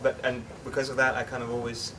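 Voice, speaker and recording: A young man chats easily as an interview guest, with plenty of fillers and restarts. He sits some way from the mic. Steady background noise runs under his voice. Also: mid-range voice, fast talker, far from the mic. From England, raised in the Netherlands. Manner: relaxed, chatty, many fillers and restarts. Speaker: interview guest, English teacher. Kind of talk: casual interview chat.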